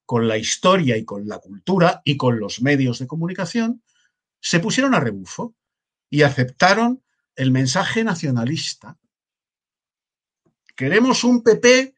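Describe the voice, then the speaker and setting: A man's voice: medium pitch, a bit bright, slightly rough. Emphatic Spanish-accented male commentator. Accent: Spain. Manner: emphatic, rhetorical, repeats phrases for effect. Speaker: political commentator. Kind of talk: impassioned opinion commentary.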